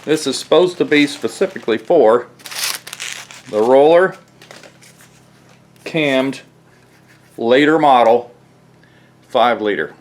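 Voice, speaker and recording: Hosting a car rebuild video, a home mechanic talks in a mid-range voice, slowly and with frequent pauses, sounding stuffed up from a head cold. His casual garage vlog rambles, and he corrects himself while hunting through boxes. There is a little hiss or hum.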